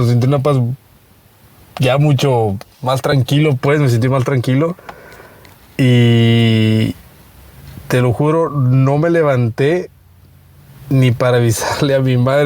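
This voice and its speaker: Halting Mexican man in his thirties. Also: medium pitch, mellow. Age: 30s. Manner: halting, with many restarts and fillers. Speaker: listener sharing a story. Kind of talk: casual recorded storytelling.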